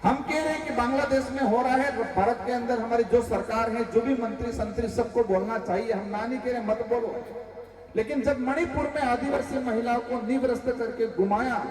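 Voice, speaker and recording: A man's voice: very high voice, steady tone, normal speed, a little mellow. A man from Rajasthan giving an impassioned rally speech, full of rhetorical questions and calls to the crowd. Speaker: political leader addressing a rally. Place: public gathering. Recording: echoey PA sound from far off.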